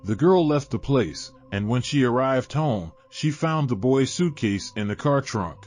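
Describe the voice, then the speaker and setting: Guy reading scary stories, mid pitch, bouncy intonation, faint music behind. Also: animated, a little slow, a little mellow. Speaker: narrator. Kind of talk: scripted horror story narration.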